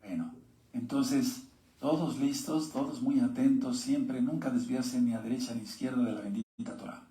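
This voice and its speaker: A man's voice: mid-range voice, fairly even intonation, moderate pace, dark tone. Man teaching scripture in an echoey room. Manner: reads scripture aloud with asides to viewers. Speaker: Bible teacher. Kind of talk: sermon-style Bible teaching.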